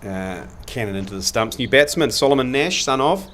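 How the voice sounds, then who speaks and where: Jokey New cricket commentator. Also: male voice, medium pitch, a little fast, slight background noise. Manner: jokey, bursts into excited play-by-play. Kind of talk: casual live sports commentary. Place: outdoor cricket ground.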